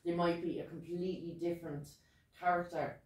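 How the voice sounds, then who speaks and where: A woman's voice: fairly low pitch, steady tone, a little fast, a little mellow. An Irish woman co-hosting a podcast in casual, unscripted chat, eagerly prompting the others with questions. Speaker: podcast co-host. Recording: echoey room, distant mic.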